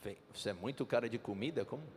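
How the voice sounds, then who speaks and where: A man's voice: mid-range voice, quick pace, darkish tone. Laid-back slangy male guest. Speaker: guest singer. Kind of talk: casual chat. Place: studio stage. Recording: long reverb, faint ambience.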